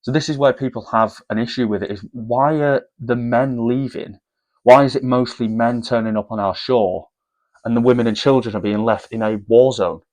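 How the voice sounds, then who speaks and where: A man's voice: mid-range voice, normal speed, darkish tone, low-quality recording. A man giving opinionated commentary to viewers, with frequent restarts and repeated words. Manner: hesitant, repeats words, addresses viewers as guys. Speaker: commentary vlogger.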